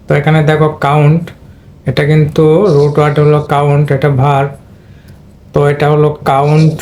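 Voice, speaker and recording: A man gives an informal spelling and pronunciation lesson, stepping through each rule and saying the example words again and again. His voice sits somewhat high yet stays flat, with little rise or fall. The tone is mellow and soft-edged, and he clears his throat now and then as he explains. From Bangladesh. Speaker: English pronunciation teacher.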